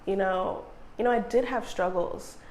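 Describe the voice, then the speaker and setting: A woman sign language interpreter speaking in the first person, measured and earnest, with steady pauses. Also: medium pitch, a little hiss or hum.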